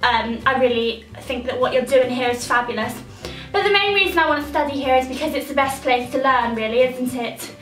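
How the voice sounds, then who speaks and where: A woman's voice: high voice, fairly quick, fairly bright tone, echoey room, distant mic, faint music behind, poor audio. A woman playing a boastful, chatty young dancer at an audition in a comic storytelling video, gushing and self-important. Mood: gushing, rambling.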